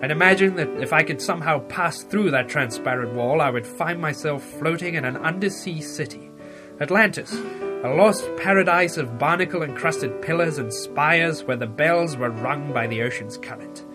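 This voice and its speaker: A man's voice: a little high, moderate pace, over music, natural voice. A man playing an earnest, heroic male fish newspaper editor in a comedy audio drama, with an overwrought, melodramatic delivery. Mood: dreamy.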